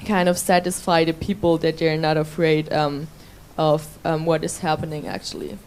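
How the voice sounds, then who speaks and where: A woman's voice: low-pitched, steady tone, normal speed, darkish tone, clean tone. A woman making a spontaneous remark from the floor at a conference, hesitant, with many fillers and restarts. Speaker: conference participant. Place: conference room.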